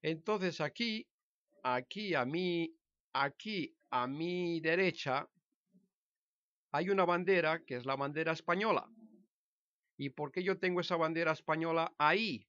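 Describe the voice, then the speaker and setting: Older Spanish man, sixties, halting vlog monologue, slightly high voice, dry and muffled sound. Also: fairly bright tone, no room sound. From Spain. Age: 60s. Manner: hesitant, halting, with frequent restarts and self-corrections. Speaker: vlogger telling his life story. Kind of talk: casual personal monologue to camera.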